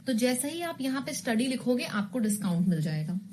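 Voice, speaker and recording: A woman's voice: on the high side, big pitch swings, a little fast, a little mellow, a little hiss or hum. A woman teaching English in a recorded online exam-prep lesson. She explains rules with memory tricks and keeps asking her students questions.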